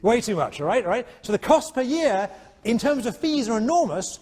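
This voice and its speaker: A male economics professor giving a university lecture, animated and constantly checking in with his students. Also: very high voice, moderate pace, breathy edge. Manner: animated, keeps checking in with "all right?". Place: lecture hall.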